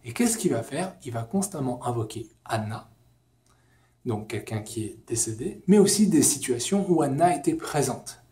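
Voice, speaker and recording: A young man in his twenties explaining a theory in a casual lesson, lively and gesturing, with many fillers, filmed in an empty lecture hall. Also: mid-range voice, moderate pace. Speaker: educational video host.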